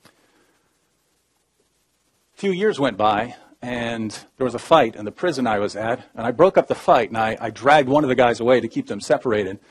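Husky-voiced man telling a quiet testimony. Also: lively intonation. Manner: measured, low-key storytelling, often dropping quiet. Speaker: debater. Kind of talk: personal testimony in a debate opening.

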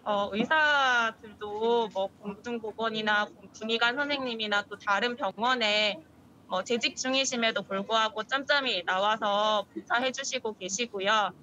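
A woman's voice: fairly high pitch, unhurried, pushed and bright, muffled recording. A young woman, a doctor, explaining her work as an interview guest over a video call, through a face mask. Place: busy hospital room indoors, on a video call. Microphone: video call, phone close to face, through a mask.

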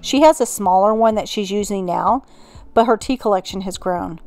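Calm woman narrating home organizing. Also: medium pitch, moderate pace, soft background music. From Texas. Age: middle-aged. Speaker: home organizing channel host. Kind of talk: scripted voice-over narration.

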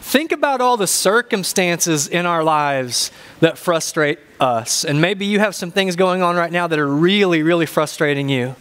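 A male pastor in his fifties with a thick Ozarks accent delivers a sermon from a church stage. His voice sits fairly high for a man. He speaks deliberately, repeating key phrases to drive them home. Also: animated, a bit bright, smooth. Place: large church stage indoors.

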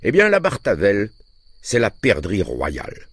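A man's voice: fairly low pitch, wildly swooping pitch, measured pace, creaky, slightly rough, no echo, studio quality, voice pushed up, heavily acted. A man voicing a theatrical, self-satisfied middle-aged uncle who loves hunting. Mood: boastful.

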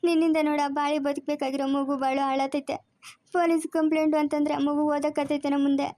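A woman voicing a soft-hearted grandmother begging tearfully in a family cartoon. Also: sits high, flat delivery, fast talker, no room sound, lightly acted. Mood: pleading.

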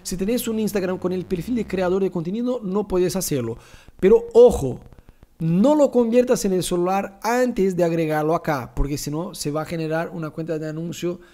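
High-voiced Rioplatense man teaching. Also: fairly quick. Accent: Rioplatense Spanish. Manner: animated, teasing, rhetorical asides. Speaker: pastor teaching church advertising. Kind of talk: live online class with screen share.

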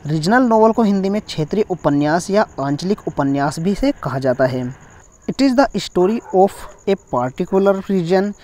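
A man's voice: sits high, lively intonation, a little slow, a little mellow. A man teaching a class, explaining step by step and repeating key points for an exam, with English terms in an Indian accent. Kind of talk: exam-focused lecture.

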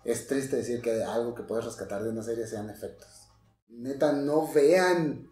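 Un copresentador mexicano de tono medio suelta sus opiniones sin rodeos y con palabrotas. Su voz llega algo apartada del micrófono y rebota en una sala con eco. La charla es informal y fluida. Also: male voice, mid-range voice, normal speed, warm tone, echoey room, distant mic, a little hiss or hum. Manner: blunt, opinionated, swears freely. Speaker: podcast co-host. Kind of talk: casual chat.

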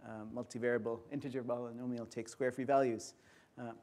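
A man giving an academic conference lecture in an auditorium, explaining step by step in a measured way. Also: medium pitch, level tone, darkish tone.

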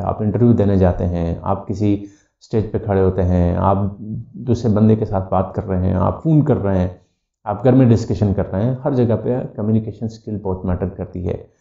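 A male educator with an Urdu accent lectures in a dark, gravelly voice, mixing English terms into his explanations with frequent "uh" fillers. His voice sits low and mellow. The recording is dull and lo-fi, with an echoey room around him. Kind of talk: lecture-style talk.

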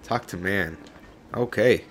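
A man's voice: lowish voice, takes it slowly, slight background noise. A young man hosting a let's-play video, chatting casually with rambling, profane commentary. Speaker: gaming channel host.

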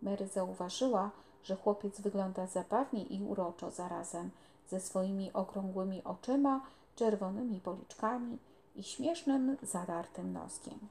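A woman reading a children's novel aloud in a calm, unhurried way. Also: mid-range voice, a little hiss or hum. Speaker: storyteller.

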